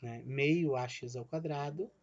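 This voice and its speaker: A man's voice: mid-range voice, unhurried, highs cut off. A male physics teacher gives a recorded online lesson. He explains each step and checks in with "né?" and "certo?", and he calls himself the teacher in the third person.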